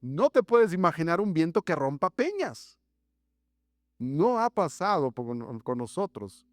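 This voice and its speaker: A man preaching a sermon, acting out the voices of the text with dramatic swings in pitch. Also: sing-song, measured pace, no echo, clean studio sound. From Mexico. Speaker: pastor. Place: church sanctuary.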